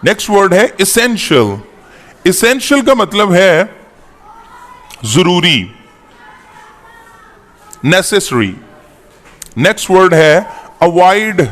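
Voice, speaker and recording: Slow male teacher, long reverb. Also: sits high, sing-song, fairly bright tone. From Pakistan. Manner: spells out words slowly, repeating each one. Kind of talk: slow English-to-Urdu lesson.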